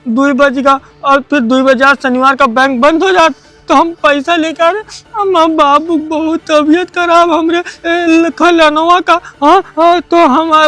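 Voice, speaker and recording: A man's voice: very high voice, bright, forceful tone. A man playing a stammering poor village guard. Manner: stammering, pleading, rustic speech. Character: poor village security guard pleading with boss. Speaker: security guard.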